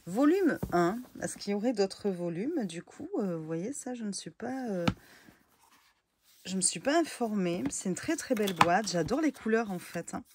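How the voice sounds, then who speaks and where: A woman's voice: medium pitch, expressive, normal speed, background noise. A woman casually reviewing tarot and oracle decks, chatty and hesitant with many fillers. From France.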